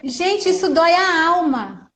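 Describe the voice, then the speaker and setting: Brief: high-pitched woman, earnest, conversational parenting talk. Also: very animated, a little slow. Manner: earnest, acts out gentle mother quotes. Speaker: guest speaker on parenting. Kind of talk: casual conversation.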